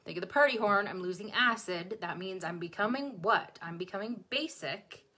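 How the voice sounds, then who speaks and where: Woman, nursing exam tutor, bubbly live-stream host, bright forward tone. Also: mid-range voice, normal speed, breathy edge. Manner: bubbly, excitable, talks to viewers. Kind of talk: Facebook Live chat answering comments. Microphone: phone or webcam, livestream.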